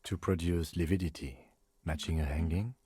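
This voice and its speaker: A man voicing a calm, methodical police lieutenant in a video game, speaking in a dry, precise and composed way. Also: low voice, normal speed, slight background noise, lightly acted.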